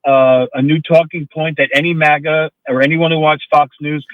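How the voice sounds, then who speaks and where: A man's voice: fairly high pitch, flat delivery, moderate pace, no echo. A man calling in to a radio show, asking pointed, challenging questions. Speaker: caller. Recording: phone line.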